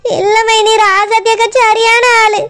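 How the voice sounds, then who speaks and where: A woman's voice: very high voice, little pitch movement, measured pace, fairly bright tone. A woman voicing a young village wife who is crying, with a Tirunelveli Tamil accent. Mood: tearful.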